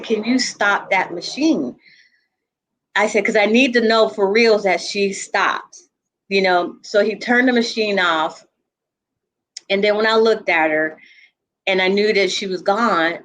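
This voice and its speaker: A woman in a group conversation, telling a painful personal story earnestly, with halting restarts and frequent asides of "you know". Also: mid-range voice, fairly bright tone. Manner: earnest, reliving a painful memory. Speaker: panel guest.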